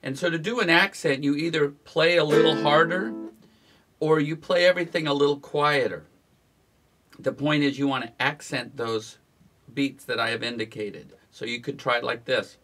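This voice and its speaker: A man teaching guitar strumming in a relaxed, instructional way, counting the beats aloud as he plays. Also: a little high, moderate pace. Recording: guitar playing behind the voice.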